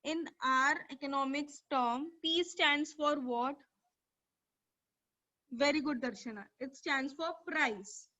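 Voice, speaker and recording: A high-pitched woman speaks slowly in a pushed, bright voice while teaching economics online. She asks questions and praises students by name from the chat, and the dull lo-fi mic leaves the sound dry.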